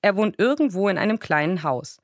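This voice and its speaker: A woman's voice: medium pitch, lively intonation, brisk, no room sound, studio quality. Woman reading a radio book review.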